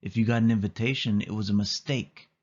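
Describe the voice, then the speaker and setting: A man's voice: on the low side, fairly even intonation, a little fast, lo-fi sound, close to an everyday voice. A man voicing a bossy, scornful young girl in a children's storybook, exclaiming her lines.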